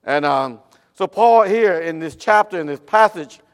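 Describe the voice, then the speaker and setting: A man from Cambodia, a native Khmer speaker, preaching a church sermon in halting English with a Cambodian accent. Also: fairly high pitch, lively intonation. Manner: halting, with nonstandard English phrasing. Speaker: missionary guest preacher.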